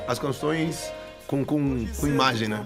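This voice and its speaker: A man's voice: mid-range voice, a little slow, over music. A man, a band's singer as an interview guest, telling stories chattily with frequent restarts. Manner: chatty, animated anecdotes with many restarts. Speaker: band vocalist, guest. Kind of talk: casual storytelling interview.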